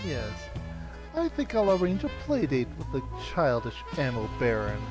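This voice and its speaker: A man's voice: medium pitch, wildly swooping pitch, moderate pace. A man reading aloud the lines of a haughty, scheming female pirate queen villain from a video game, with game music playing behind. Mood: scornful.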